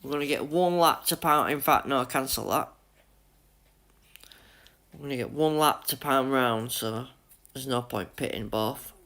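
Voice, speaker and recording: A chatty Yorkshire man live-streams a game, talking casually with viewers as he plays, greeting chat by name, joking and laughing often. His medium-pitched voice is pushed and bright with vocal fry, and he speaks unhurriedly with long pauses.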